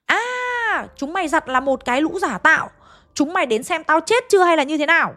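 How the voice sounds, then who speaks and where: A woman's voice: sits high, lively intonation, a little fast, pitched above the performer's own voice. A woman storyteller voicing an angry old man in his eighties who has come back from the dead and scolds his family at the top of his voice. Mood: furious. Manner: barking, scolding, shouted accusations.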